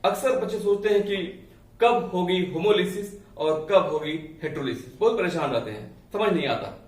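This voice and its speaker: A man's voice: sits high, moderate pace, very echoey, far from the mic. A man teaching chemistry in a lecture style, explaining with everyday analogies and often checking in with his students. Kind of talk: classroom lecture.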